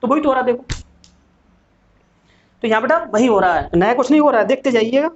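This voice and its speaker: A man's voice: very high voice, expressive, fast talker. A male physics teacher lecturing in speech, asking questions and answering them himself. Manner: asks and answers his own questions, calls students "beta". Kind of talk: classroom lecture. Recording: dull lo-fi sound.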